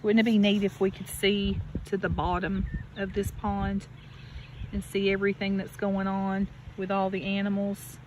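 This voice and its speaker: A woman reads aloud to young children as a teacher by a farm pond, giving instruction and speaking to them directly. Her mid-range, darkish voice is completely flat and at normal speed. The audio is poor, with outdoor nature noise from a running creek and animals.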